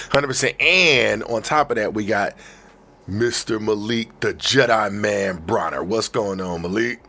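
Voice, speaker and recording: A man hosting a podcast in lively casual chat, his voice distorted by audio clipping from a mic recorded too loud. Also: fairly low pitch, a little slow. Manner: energetic, hyped-up delivery. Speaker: podcast host.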